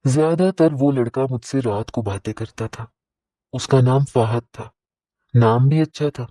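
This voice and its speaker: A man narrating a first-person moral story at a steady, even pace. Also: medium pitch, no room sound, low-quality recording.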